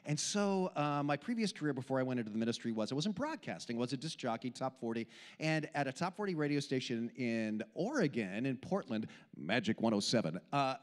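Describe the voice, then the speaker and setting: An older Swiss man, whose first language is Swiss German, preaches a humorous sermon as a camp speaker on an indoor hall stage before an audience. His mid-range voice is brisk as he tells animated, self-deprecating stories into a handheld mic, with long hall reverb around him.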